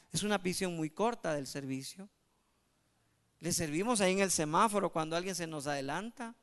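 A man preaching a sermon as pastor, animated and calling on the congregation to answer. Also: high voice, clear, resonant tone. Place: church.

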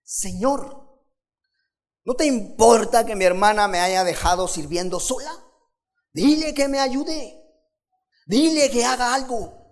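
A man voicing a frazzled, overworked woman who pleads in a high, fast, exasperated voice. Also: expressive.

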